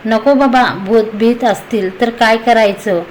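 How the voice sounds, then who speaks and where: A woman's voice: on the high side, a little slow, darkish tone, slight background noise, close to an everyday voice, poor audio. A woman voicing a timid, easily frightened young wife talking to herself in a read-aloud story.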